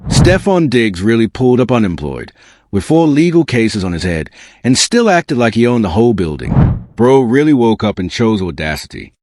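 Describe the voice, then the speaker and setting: A lowish-voiced man delivers a scripted gossip exposé with very lively pitch swings. He sounds smug and sarcastic, landing slangy, punchy lines. The recording is dry and close, with no room sound. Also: normal speed, no room sound. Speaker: gossip commentary video narrator.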